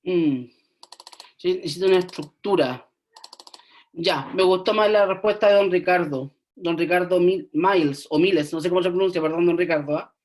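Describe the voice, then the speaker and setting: A woman teaches a university class online, going through quiz answers one by one. Her delivery is unhurried and explanatory. She keeps checking in with short tag questions and hums while she reads through replies. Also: fairly low pitch, a little mellow. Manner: checks in often with "¿ya?" and thinks aloud with hums. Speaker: university lecturer.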